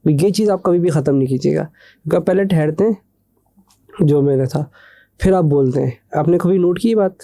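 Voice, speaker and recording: A young man hosting a podcast, asking questions in a quick, hurried way. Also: on the high side, mellow. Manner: talks fast, hurried. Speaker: podcast host. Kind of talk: podcast interview.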